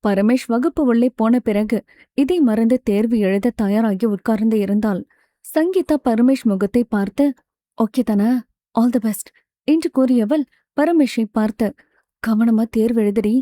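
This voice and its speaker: A woman's voice: fairly high pitch, a little slow, dark tone, dry recording, clean studio sound. A woman with a Tamil Nadu accent reading a novel aloud, narrating and voicing every character's dialogue in a conversational tone. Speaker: audiobook narrator.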